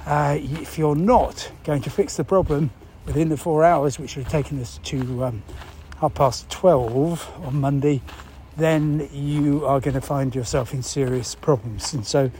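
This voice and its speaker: This male presenter, whose mellow and easygoing voice sits a little high, explains a news item to his audience without a script. His speech halts as he reasons out loud, raising questions and then answering them himself, with noticeable background noise.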